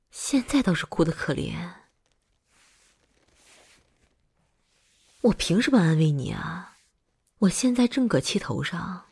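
This woman's whispered role-play voice is fairly low, a little mellow and exaggerated, as well as very breathy and husky. She plays a doting yet hot-tempered older girlfriend, cursing freely and alternating between scolding and coaxing.

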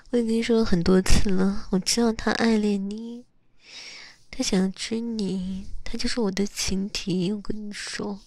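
A woman's voice: mid-range voice, vocal fry, darkish tone, no room sound. Woman whispering as a jealous possessive lover. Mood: coaxing. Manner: whispery, teasing and scolding close to the ear. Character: jealous possessive young lover scolding partner. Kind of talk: whispered role-play.

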